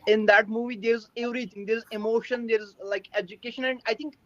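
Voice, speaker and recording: A man's voice: high-pitched, fairly even intonation, fairly bright tone, no room sound, muffled recording. A young man from Kashmir with a Kashmiri Indian accent, speaking hesitantly in an English practice conversation. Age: young adult. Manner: hesitant, halting. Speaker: English learner.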